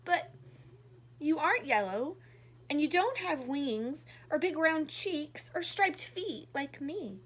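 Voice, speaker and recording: Casting: woman performing lonely storybook baby bird, very high swooping voice, childlike and pleading. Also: very animated, takes it slowly, heavily acted. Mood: doubtful. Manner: pleading, whiny childlike delivery. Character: lonely little bird child searching tearfully for a mother.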